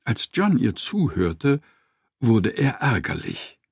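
Gravelly, expressive male audiobook narrator. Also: medium pitch, takes it slowly, no room sound, clean studio sound.

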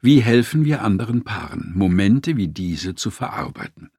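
Male narrator, gravelly, husky, expressive audiobook reading. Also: fairly low pitch, normal speed, no echo, studio quality.

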